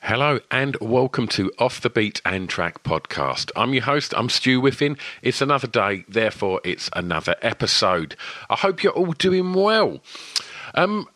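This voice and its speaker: A man's voice: mid-range voice, very animated, moderate pace, bright, forceful tone, no room sound. A man with an Essex accent and a lisp, hosting a podcast in a casual, rambling, chatty way. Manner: rambling, wittering delivery. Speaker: podcast host.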